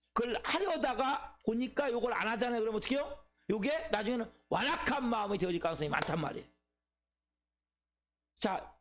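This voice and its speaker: A male pastor preaching a sermon, asking his congregation questions and acting out people's inner thoughts. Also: extremely high pitch. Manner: asks the congregation questions, acts out inner voices. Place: church.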